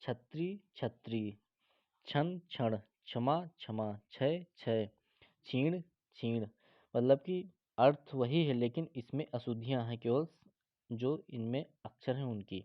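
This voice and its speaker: A man's voice: medium pitch, unhurried, no echo, dull audio. Man drilling spellings, repeating each word. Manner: reads word pairs aloud, repeats each, adds "ठीक है?". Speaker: teacher. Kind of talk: spelling lesson for exam students.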